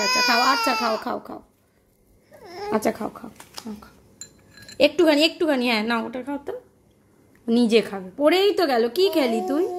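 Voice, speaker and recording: A woman's voice: sits high, a bit bright. A young woman with a Kolkata Bengali accent vlogging at home, tired and feverish, chatty and coaxing as she talks to her toddler. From Kolkata, India. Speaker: vlogger and mother. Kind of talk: casual home vlog. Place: family home.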